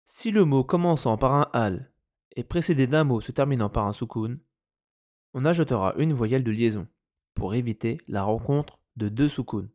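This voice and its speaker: A man teaching a lesson, speaking slowly and deliberately and repeating each example word. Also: medium pitch, expressive, a little mellow. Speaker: Arabic language teacher. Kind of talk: explaining Arabic grammar in French.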